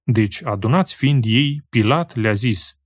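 A man reading scripture aloud in a solemn, slow and measured way, pausing phrase by phrase. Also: medium pitch, lively intonation, no echo, studio quality. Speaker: scripture reader.

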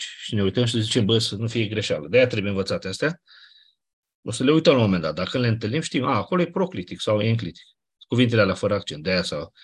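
A Greek teacher with a husky, low voice lectures his class on Ancient Greek grammar. He explains things with colloquial asides and checks in with "nu?"

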